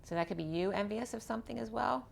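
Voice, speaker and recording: A woman's voice: a little high, fast talker, gravelly, slight background noise. A woman giving a casual tarot reading, talking through each card as she draws it while losing her voice. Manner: chatty, thinking aloud while drawing cards.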